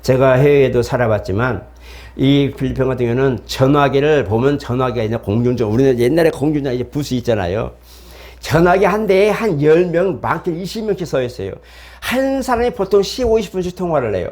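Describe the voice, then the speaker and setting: A middle-aged male pastor delivers a sermon in an easy, conversational voice of ordinary pitch. He slips into the voices of the people in his stories, so his tone swings up and down as he preaches. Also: expressive, brisk, a little mellow.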